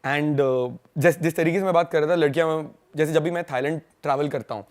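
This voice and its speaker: Young man from India, podcast guest, rapid slangy storytelling, slightly high voice. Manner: fast-talking, slangy, laughs while telling stories. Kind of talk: casual storytelling chat.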